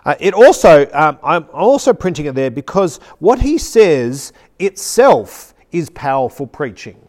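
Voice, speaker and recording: A man with a slightly high voice leads a lesson on preaching. His pitch swings widely as he reads a passage aloud with dramatic emphasis. He draws out the key words slowly. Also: very animated, darkish tone. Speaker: preaching instructor. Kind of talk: teaching talk with a dramatic read-aloud. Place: seated at a chair.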